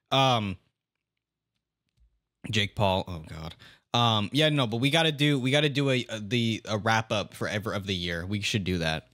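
A man's voice: fairly low pitch, fairly bright tone, dry recording, studio quality. A young man streaming, reacting to a video in casual commentary, exasperated and swearing as he rants.

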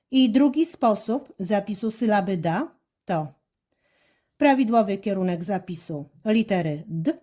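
Woman teacher, slightly high, lively voice with a mellow tone, slow and careful step-by-step handwriting instruction.

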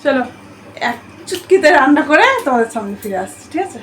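High-voiced chatty woman vlogger. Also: lively intonation, quick pace, a little hiss or hum, poor audio. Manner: chatty, addresses viewers as friends. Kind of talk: casual home vlog chat.

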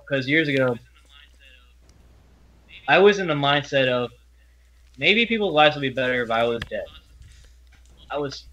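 A young man speaking earnestly as an interview guest, halting and often restarting his sentences. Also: mid-range voice, a bit bright. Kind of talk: personal interview talk. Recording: dull, lo-fi audio.

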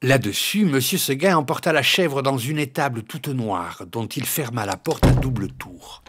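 Lively expressive male storyteller. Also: mid-range voice, normal speed, very noisy. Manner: expressive, dramatic swings of voice. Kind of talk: reading a children's story aloud.

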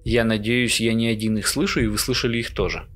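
Male let's player, lowish voice, nervous and muttering, casual horror commentary over noisy game ambience. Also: steady tone, fast, a bit bright. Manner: nervous, jittery, muttering to himself. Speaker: gamer, let's play host.

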